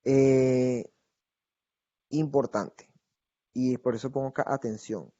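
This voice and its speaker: A man teaches a grammar lesson at an even, middle pitch. He is patient and explanatory, and often pauses to model phrases slowly. The recording sounds muffled and lo-fi. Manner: patient, explanatory, checks in with "¿verdad?"; slows down to model Chinese phrases. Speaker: Mandarin teacher.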